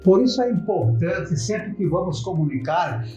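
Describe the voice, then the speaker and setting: A man's voice: high voice, expressive, moderate pace, dark tone, highs cut off. A man teaching to camera, stressing key words and speaking straight to the listener. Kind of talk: lecture to camera. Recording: echoey room with faint music.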